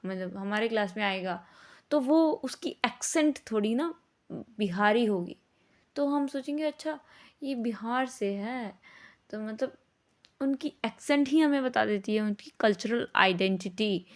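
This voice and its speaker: Speaking at a medium pitch, a woman teaches a lesson in a relaxed, conversational manner. She often drops English words into her explanation and checks comprehension with quick tag questions.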